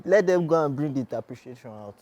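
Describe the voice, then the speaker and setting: A man's voice: fairly high pitch, lively intonation, fast, a little mellow, highs cut off. A Nigerian man co-hosting a TV entertainment show with a laid-back, swaggering delivery. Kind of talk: lively studio banter.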